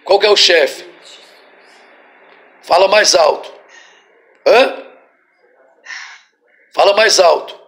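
A Brazilian man with a high voice leads a deliverance prayer as a pastor. He drives it with forceful, repeated commands and breaks into sudden shouts. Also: slow pace, long pauses. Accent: Brazilian Portuguese.

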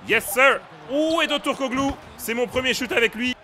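A young man playing a basketball video game, giving excitable, casual commentary, often shouting at the action and laughing. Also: very high-pitched, a little fast, faint music behind. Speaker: gaming streamer.

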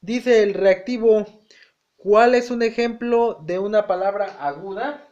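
A man's voice: high-pitched, a little slow, a little mellow. A man teaching an exam-prep lesson in a chatty way, repeating words and checking in with "ok?". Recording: echoey room, dull lo-fi sound.

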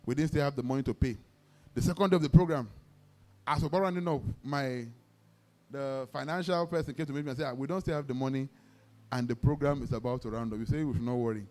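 A man's voice: medium pitch, quick pace. A man with a Nigerian accent, a pastor preaching a sermon, telling stories with acted-out dialogue and leading the congregation in call-and-response declarations. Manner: exclamatory, peppers talk with praise shouts; vivid storytelling, acts out dialogue.

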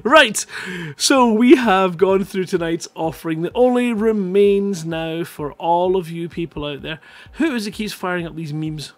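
Speaking into a headset at a computer indoors, a middle-aged man hosts a live-streamed writing-competition show in a casual, jokey, rambling manner. His voice is high, and he talks at a measured pace with hardly any pauses.

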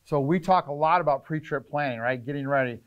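Animated middle-aged man explaining fishing plans. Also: on the high side, dull audio. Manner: energetic, gestures a lot, lists points rapidly. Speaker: fishing charter captain, guest. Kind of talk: casual explanatory interview talk. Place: fishing tackle shop room, indoors.

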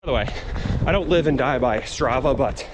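A man's voice: mid-range voice, moderate pace. A man in his thirties with an American accent talks casually to his vlog camera while running, slightly winded. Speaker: running vlogger. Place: outdoors on paths and sidewalks. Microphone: camera held at arm's length. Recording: outdoor action camera, noisy street ambience.

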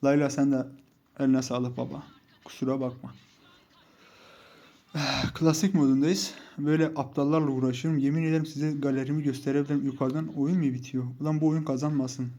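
A man's voice: medium pitch, little pitch movement, fairly quick, dark tone. A young man commentating live over his mobile game, heated and mocking as he scolds his teammates. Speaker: gaming YouTuber.

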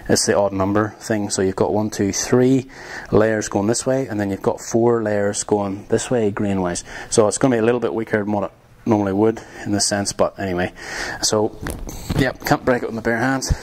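Man giving a workshop demonstration. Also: lowish voice. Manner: relaxed, rambling with many ums. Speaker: tiny house builder. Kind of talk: casual hands-on demonstration.

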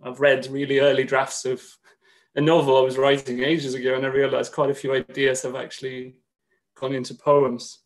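A man's voice: mid-range voice, completely flat delivery. Earnest man reading over a video call. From Greece. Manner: gently nervous, earnest thanks, then measured reading. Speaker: poet. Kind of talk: poetry reading at an online launch. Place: room at home, indoors.

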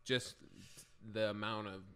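A man's voice: lowish voice, fairly even intonation, measured pace, fairly bright tone. A man about twenty hosting a casual podcast interview, jumping in with side questions. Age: 20s. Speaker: podcast host. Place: small podcast room. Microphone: desk mic on boom arm.

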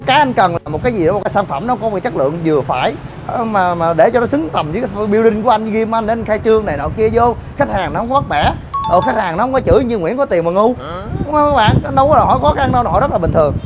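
Exasperated high-voiced man. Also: lively intonation, rapid-fire, few pauses, music in the background. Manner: exasperated, scolding, talks to viewers. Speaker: gym owner and vlogger. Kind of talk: ranting vlog walk-through.

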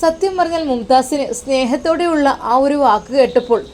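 A woman's voice: sits high, brisk, a little mellow, slight background noise. A woman storyteller with a Malappuram accent narrating an emotional family tale in an earnest manner. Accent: Malappuram Malayalam.

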